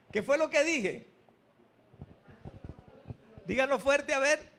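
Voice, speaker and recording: Pastor guy preaching, really high voice, punchy, gets the crowd to answer back. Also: fairly bright tone, slight background noise. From Colombia. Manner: emphatic preaching, asks the congregation to answer back. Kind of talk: sermon.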